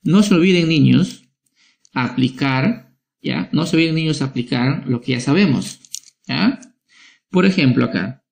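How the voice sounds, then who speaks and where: A man's voice: mid-range voice, vocal fry, darkish tone. A male schoolteacher giving a lesson to young children, spelling out words syllable by syllable and checking in with short tag questions.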